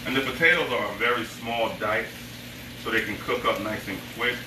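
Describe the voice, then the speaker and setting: A man's voice: mid-range voice, moderate pace. A middle-aged man speaking as a cooking show host, talking viewers through each step in short, unscripted phrases with approving asides. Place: home kitchen, indoors. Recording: echoey kitchen, distant mic, sizzling pan noise. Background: frying sizzle and stirring.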